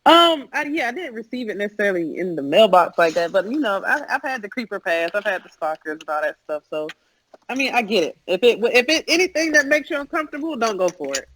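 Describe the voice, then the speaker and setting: A woman's voice: medium pitch, big pitch swings, fast talker, fairly bright tone, slight background noise, poor audio. A woman co-hosting a podcast in casual chat, congested from a respiratory infection, easygoing and candid. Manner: easygoing, candid, laughs along. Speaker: podcast co-host.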